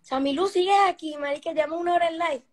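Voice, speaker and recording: Young woman on a live, really high voice, lively, swears casually, tells stories. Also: fast. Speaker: livestream co-host. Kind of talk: casual storytelling chat.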